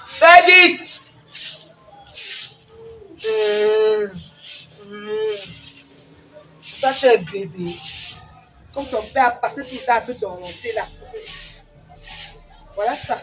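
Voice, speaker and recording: A woman's voice: fairly high pitch, very animated, slow, pauses often, darkish tone, faint music behind, full character voice. A woman playing a harsh, domineering stepmother who scolds her stepdaughter and barks orders at her. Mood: harsh commands. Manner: barking orders, scolding and contemptuous. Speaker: actress in a family skit. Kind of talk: scripted skit acting.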